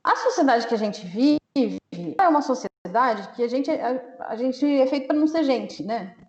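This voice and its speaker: A woman's voice: high voice, lively intonation, normal speed. A woman from Rio Grande do sul, a mental health blogger speaking as a guest on a live stream, explaining earnestly with many fillers and restarts. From Rio Grande do Sul, Brazil. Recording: echoey room, muffled live-stream audio.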